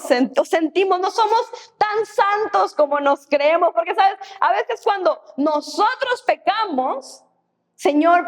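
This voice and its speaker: A woman pastor, preaching a sermon in church and repeating key phrases for emphasis. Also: extremely high pitch.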